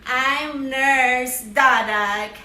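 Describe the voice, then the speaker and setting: Playful and full of cheery exclamations, a middle-aged woman narrates each step as she cooks in her home kitchen for a casual vlog. She speaks extremely slowly in a high-pitched, sharp voice with fairly even intonation. The distant mic leaves her sounding far off in an echoey room.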